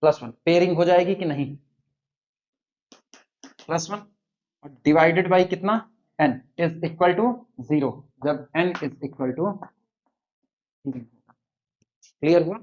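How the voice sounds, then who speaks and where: A man teaching a math lecture at the board, quizzing his students and slowly counting through terms. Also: a little high, darkish tone, lo-fi sound.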